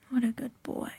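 Woman, high voice, very slow, teasing whispered roleplay, close-miked and dry. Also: gravelly, mellow, slightly rough, no echo. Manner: teasing, coaxing, mostly whispered. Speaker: audio roleplay performer.

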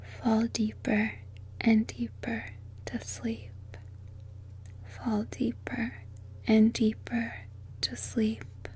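Slow breathy whispering woman. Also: a little high, monotone, dark tone. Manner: slow repetitive soothing whisper. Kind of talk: whispered sleep hypnosis.

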